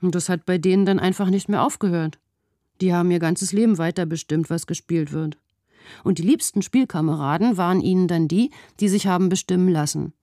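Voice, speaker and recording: A woman reads her own first-person radio column, wry and opinionated in tone. Her voice is fairly low and warm. It is recorded close on a studio microphone with a dry sound. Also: fairly quick, dry recording. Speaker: narrator.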